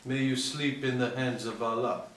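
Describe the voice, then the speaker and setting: In a screenplay read, a man plays a cool, sly undercover pilot, clipped and insinuating yet matter-of-fact, with a suggestive mood. His mid-range voice is fairly even, moderately paced, a bit bright and close to everyday speech. The room is echoey, the mic distant, with faint noise.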